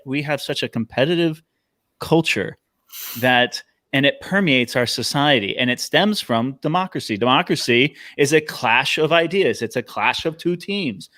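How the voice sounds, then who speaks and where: An American man talking casually as a guest panelist on a livestream, animated in telling his stories and acting out reactions. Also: mid-range voice, normal speed, no room sound, clean studio sound. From Los Angeles, United States.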